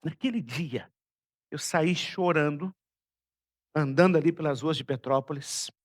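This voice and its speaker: A man from Brazil, a pastor, preaching a sermon and telling a personal story, moving between loud passages and hushed ones. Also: fairly high pitch, unhurried.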